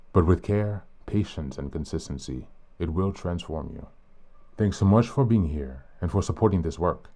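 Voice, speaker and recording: A podcast host with a very deep, slightly hoarse voice gives a reflective reading, calm, earnest and deliberate. He sounds a bit sick.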